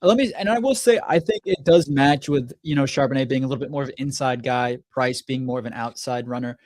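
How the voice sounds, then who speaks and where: A man's voice: mid-range voice, darkish tone, dry recording. Chatty young man, dry close mic. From DC area, USA. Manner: chatty, quick banter, reads out viewer comments. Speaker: co-host. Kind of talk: casual live draft reaction chat.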